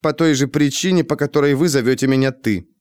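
A man voicing a tired, shrewd young woman who speaks quietly and formally. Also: mid-range voice, fast talker, clean tone, no echo, studio quality, voice pushed up, natural voice. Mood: weary. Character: weary, shrewd young woman, half asleep.

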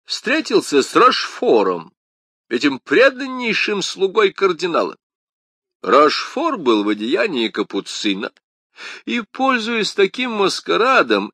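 A man's voice: fairly high pitch, bright, forceful tone, no room sound, voice pushed up, heavily acted. A man reading an audiobook, voicing an eager male musketeer spreading gossip in a raised voice.

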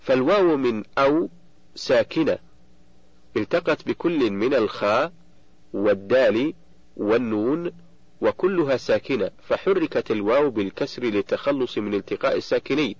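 A man giving a steady, measured audiobook reading of a book on Quran recitation rules, slowing down on quoted verses. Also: medium pitch, slightly rough, dry recording. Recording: dull lo-fi dry recording.

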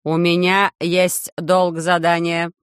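Storybook robot overlord, loud, harsh and metallic, very slow, clear dry delivery, as a reader puts it on. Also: medium pitch, completely flat delivery, no room sound. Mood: cold commanding. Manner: slow, loud, measured commands. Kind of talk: audiobook reading.

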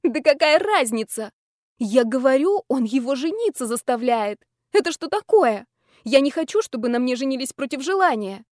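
A woman's voice: on the high side, expressive, measured pace, a little mellow, no echo, studio quality. A woman voicing a fiery, exasperated young woman. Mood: indignant. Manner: snapping, indignant.

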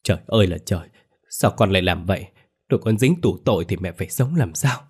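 A man's voice: low-pitched, animated, fast, a little mellow, breathy edge. A man voicing a middle-aged mother who weeps and pleads, blindly protective of her son. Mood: anguished. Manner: pleading, weeping. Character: middle-aged mother, doting, tearful, callous.

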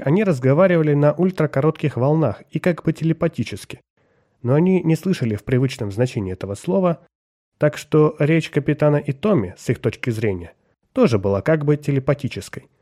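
Mellow-voiced man narrating a story. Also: mid-range voice. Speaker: audiobook narrator. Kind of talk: scripted narration.

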